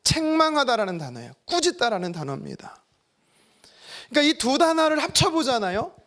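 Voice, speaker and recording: A man preaching a sermon as pastor, lively, acting out quoted voices and making joking asides. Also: very high-pitched, brisk. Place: church sanctuary.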